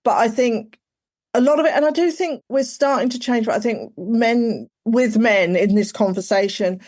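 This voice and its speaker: A woman's voice: a little high, moderate pace, darkish tone. A woman, chatting casually as a podcast guest, full of "like" and "you know". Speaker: guest, executive coach.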